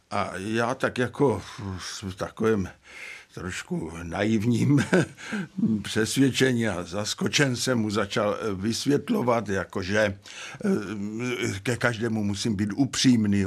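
Older man, former theatre director; gravelly, middle-pitched voice, telling his memoirs in a measured way. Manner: measured, with frequent hesitant fillers. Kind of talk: reflective spoken memoir.

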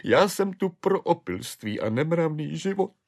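A man's voice: medium pitch, animated, creaky, a little mellow, pitched above the performer's own voice. A desperate middle-aged clerk whines and pleads in a raised, strained voice that sounds pinched and unlike a plain speaking voice. He lurches between begging and self-pity, as a male narrator puts him on for a storybook reading. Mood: sobbing. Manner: wailing, pleading, self-pitying.

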